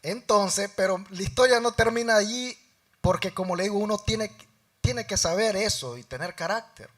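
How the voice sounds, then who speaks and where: Storytelling man preaching in church. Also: normal speed. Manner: storytelling, acting out both sides of dialogues; swings between loud emphasis and soft, low asides. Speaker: lay preacher. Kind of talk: sermon with personal anecdote.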